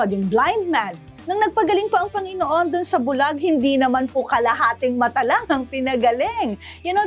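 A Filipino woman pastor giving a devotional sermon broadcast, peppering her talk with "you know" and "no?" tags. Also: high-pitched. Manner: code-switches, many "you know" and "no?" tags.

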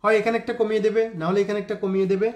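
A man's voice: sits high, level tone, racing, a little mellow, reverberant. A man teaching a spelling lesson, spelling words out letter by letter and talking to his viewers as friends. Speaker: English teacher.

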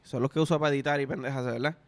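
Speaking very fast at medium pitch with a steady tone, the young Puerto Rican host rattles off loose, profane stories during relaxed podcast talk. His accent is Puerto Rican Spanish.

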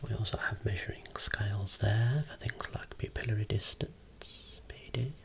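A voice whispering slowly and softly, showing eye-clinic equipment as an ASMR role-play optometrist. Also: mid-range voice. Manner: soft unvoiced whispering, explaining slowly.

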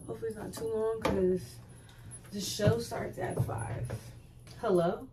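Young woman, casual vlog talk, playful and joking, phone camera, clear background noise. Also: a little high, fairly even intonation, measured pace. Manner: chatty, playful, self-mocking. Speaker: vlogger and TV anchor.

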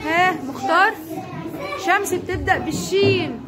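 High-voiced Egyptian woman teaching children. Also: moderate pace. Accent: Egyptian Arabic. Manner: encouraging, praising and prompting children by name. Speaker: kindergarten teacher. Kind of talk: classroom lesson with young children. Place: busy classroom. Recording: classroom with background noise.

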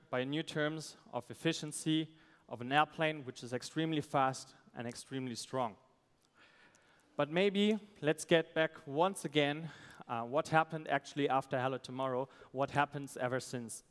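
A man, a startup founder giving a halting, pitch on a conference stage. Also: clean tone. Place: stage in a large event hall. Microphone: headset. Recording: amplified voice in large reverberant hall.

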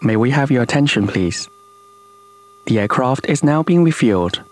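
A man giving a formal, scripted airline safety announcement in the manner of a flight attendant. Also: lowish voice. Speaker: cabin announcer.

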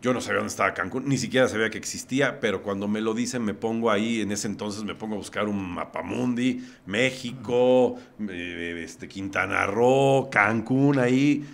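A man's voice: on the low side, moderate pace, creaky, hardly any pauses. A man from Puebla with a Mexican accent, a podcast guest vividly recounting a personal story step by step.

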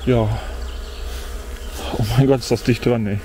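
A middle-aged drone vlogger with a mid-range, dark voice speaks steadily and unhurriedly as he tests a drone in a forest. He keeps up a casual running commentary to himself, muttering mildly disappointed remarks. Insects buzz audibly over faint outdoor ambience.

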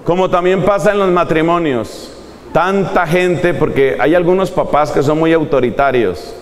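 A man preaching a sermon in an animated, humorous way, acting out examples. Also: high-pitched, big-room sound, slight background noise, rough recording.

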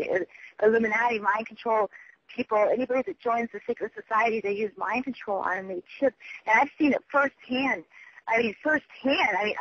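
A woman leaving a rambling, urgent voicemail message, losing her train of thought and swearing. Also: fairly high pitch. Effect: voicemail message over a phone line. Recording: muffled lo-fi phone voicemail.

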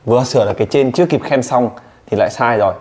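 A male English teacher drills a student with rapid, teasing questions. His voice sits at an ordinary middle pitch. There is a faint hiss of background noise. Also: a little mellow. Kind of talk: one-on-one pronunciation coaching.

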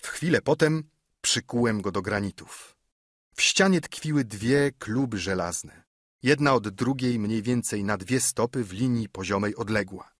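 A man reading a classic story as an audiobook narrator, with steady storytelling. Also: husky, no room sound, studio quality. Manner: steady storytelling, lifting pitch for quoted dialogue. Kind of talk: scripted narration.

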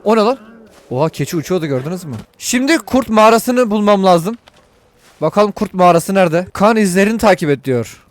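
A man giving let's-play commentary to viewers while he plays, excitable and full of crude jokes and swearing. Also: high-pitched, fairly quick, faint music behind. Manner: talks to viewers while playing. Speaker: gaming video host.

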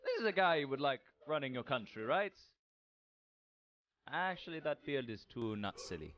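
A man's voice: medium pitch, sing-song, moderate pace, muffled recording. A man casually commenting on a game he is playing, rambling, joking and swearing freely. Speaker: gaming channel host. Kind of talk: casual let's-play commentary.

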